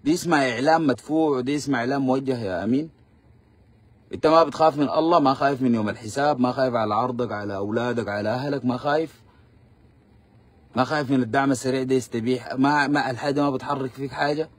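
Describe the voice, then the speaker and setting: A man's voice: mid-range voice, rapid-fire, breathy edge. A man with a Sudanese Arabic accent giving combative, fiery political commentary on a live stream.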